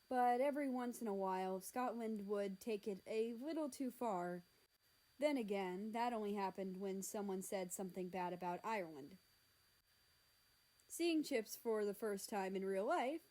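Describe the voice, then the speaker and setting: A young woman reading a fan story aloud in a casual, unhurried way. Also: on the high side, dark tone, poor audio. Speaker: narrator reading fan fiction.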